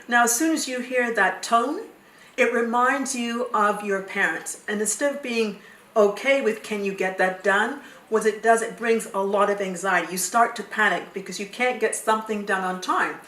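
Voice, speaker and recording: A woman counsellor explaining things in a calm, measured way. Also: medium pitch. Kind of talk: explaining to camera. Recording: roomy echo, distant mic.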